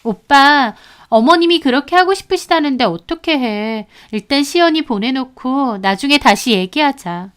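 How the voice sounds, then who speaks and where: Woman voicing two-faced daughter-in-law, sugary and polite, high voice, audio story. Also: expressive, moderate pace, a bit bright, clean tone. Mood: falsely sweet. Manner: falsely sweet, excusing. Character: sly young stepmother, fake-polite daughter-in-law.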